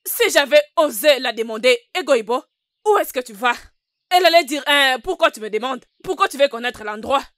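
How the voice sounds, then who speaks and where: Dub role: a cruel, jealous wife, high-pitched, dry close sound. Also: female voice, lively intonation, moderate pace, a bit bright, no room sound. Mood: indignant. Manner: commanding, harsh and insistent. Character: jealous, scheming adult wife, cruel and threatening. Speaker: jealous wife in a dubbed film. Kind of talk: French film dub acting.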